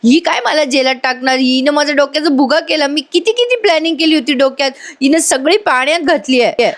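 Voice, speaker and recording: A woman's voice: a little high, moderate pace, natural voice. A woman voicing a hot-tempered young businessman who scolds irritably. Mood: angry.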